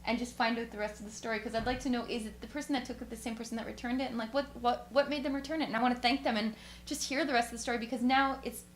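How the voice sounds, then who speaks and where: A woman guest musician telling a story in animated fashion, acting out the quotes with big swings in pitch. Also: rapid-fire, a little hiss or hum. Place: radio studio. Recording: roomy studio.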